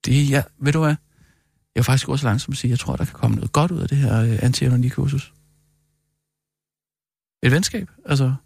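A man's voice: mid-range voice, creaky, pauses often, a little mellow, slightly rough, dry recording, clean studio sound. Hesitant, stammering male radio co-host. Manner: hesitant, stammering with many fillers. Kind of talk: comic radio banter.

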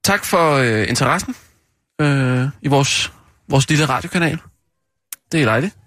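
A male radio host with a calm, placating manner and a mid-pitched voice. The sound is dry and close, as in a studio. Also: no echo. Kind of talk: comedy radio banter.

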